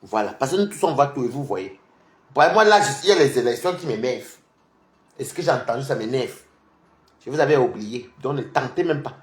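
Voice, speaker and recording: A man delivering a confrontational online rant, taunting and mocking his rivals, repeating himself and swinging between loud outbursts and low mutters. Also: animated, brisk. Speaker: social media commentator. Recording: echoey room.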